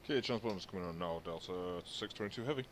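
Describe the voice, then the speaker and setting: A man's voice: fairly low pitch, rapid-fire. A man talking as a pilot to air traffic control, giving procedural radio calls and readbacks. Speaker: flight simulation pilot, livestreaming.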